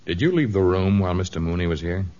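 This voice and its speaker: A calm jungle hero in a vintage radio drama, speaking formally and deliberately. His voice sits very low. The recording is muffled. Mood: grave. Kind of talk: 1940s radio acting. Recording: dull lo-fi old radio recording.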